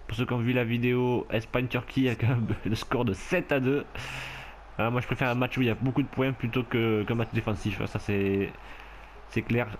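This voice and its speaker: A man's voice: mid-range voice, fairly quick, a little hiss or hum. A man casually commentating his own rugby video game match, getting worked up and laughing at the play. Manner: excitable, shouts and laughs at the game. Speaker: gameplay commentator.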